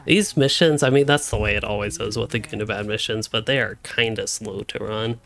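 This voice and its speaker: A man's voice: fairly low pitch, fairly quick, a bit bright. A young man rambling through casual live-stream commentary while he plays, thinking aloud from a room at home on a desk microphone. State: hiccuping. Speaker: gaming streamer.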